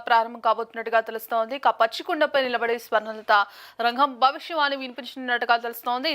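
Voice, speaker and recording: A woman news anchor speaks in a high, sharp voice. She presents live news in the formal style of a studio bulletin, moving along at a fast pace.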